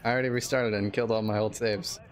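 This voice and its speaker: A man's voice: on the low side, fairly even intonation, fast talker. A man chatting and bantering casually while streaming a game. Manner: joking, bantering. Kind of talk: casual gaming stream chat.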